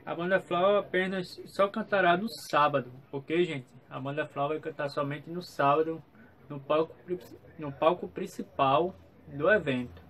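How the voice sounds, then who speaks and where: A man's voice: on the high side, a little slow, fairly bright tone. A man gives a casual vlog update in a hesitant, repetitive way, often checking in with his viewers. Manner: hesitant, repeats himself, frequent checking tags. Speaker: YouTube channel host. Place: small room at home, indoors. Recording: clear background noise, room ambience.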